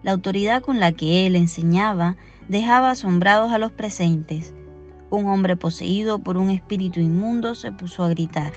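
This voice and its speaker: Calm woman reading a devotional reflection. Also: medium pitch, normal speed, soft background music. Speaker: reader of a Gospel reflection. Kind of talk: scripted devotional narration. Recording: dull lo-fi recording.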